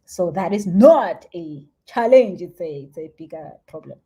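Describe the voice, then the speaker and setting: A young South African woman giving spiritual advice in a casual live stream, animated and chatty, sometimes dropping to a soft near-whisper. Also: fairly low pitch, a little slow, slightly rough. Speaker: spiritual teacher answering viewer comments.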